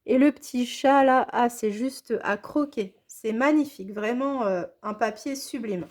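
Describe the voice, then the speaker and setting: Woman, high voice, casual unboxing chat, enthusiastic, gushing, repeats her praise. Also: measured pace, a little mellow. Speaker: scrapbooking vlogger.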